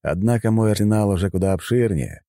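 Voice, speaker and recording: A man narrating an audiobook in the first person with animated storytelling. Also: on the low side, fast talker, no room sound, clean studio sound.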